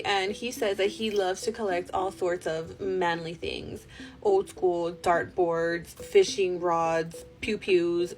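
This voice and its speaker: A woman host telling spooky stories in a casual, animated, conversational way, drawing out words for suspense. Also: on the low side, rough recording. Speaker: host reading follower-submitted spooky stories. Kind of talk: casual spooky storytelling to camera. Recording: music behind the voice. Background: music.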